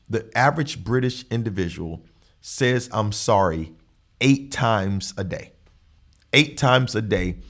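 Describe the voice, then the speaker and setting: A man hosting a podcast, giving an earnest, preacher-like motivational monologue and repeating phrases for emphasis. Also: fairly low pitch. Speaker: podcast host.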